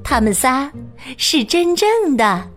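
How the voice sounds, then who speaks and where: A woman reading a picture book aloud to children, slow, lilting and expressive. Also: high-pitched. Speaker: children's storyteller. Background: faint music.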